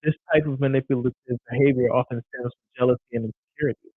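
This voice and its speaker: A man's voice: medium pitch, steady tone, very fast, dry recording. A man co-hosting a live podcast, joking along in casual chat and reading out discussion points. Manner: playful, upbeat when promoting the channel. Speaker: podcast co-host. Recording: tinny phone-like dry sound.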